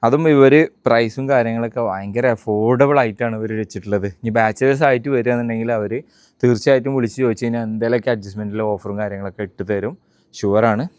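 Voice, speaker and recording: A man's voice: medium pitch, darkish tone, dry recording, studio quality. A man with a Malayali accent giving a casual, chatty walking-tour vlog, mixing English words into Malayalam as he talks to viewers and companions. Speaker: vlog host.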